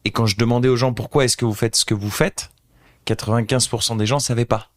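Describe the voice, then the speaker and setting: A man's voice: mid-range voice, steady tone, fast, dry recording. A man in his thirties from northern France, a company founder telling his story earnestly and thoughtfully as a podcast guest. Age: 30s. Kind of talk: casual interview chat.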